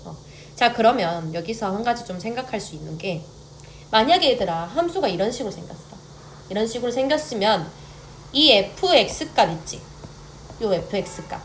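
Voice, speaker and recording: Young woman math tutor, patient and explanatory, often asks students to confirm, faint hiss behind her. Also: a little high. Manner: checks in with students, mixes polite and casual speech. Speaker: math teacher. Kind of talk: online math lecture.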